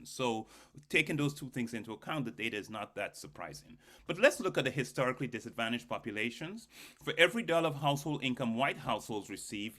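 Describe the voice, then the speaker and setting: A man's voice: medium pitch, bright, forceful tone. A man giving a keynote lecture to an audience, explaining data emphatically and putting rhetorical questions to his listeners. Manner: addresses listeners directly, emphatic, poses and answers rhetorical questions. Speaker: keynote speaker, academic.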